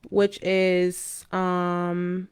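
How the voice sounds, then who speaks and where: A smooth, clear-voiced woman, pitched a little low, reads horoscopes and tarot cards for her viewers. Her delivery is casual and mystical, halting now and then for informal, intuitive asides. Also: monotone.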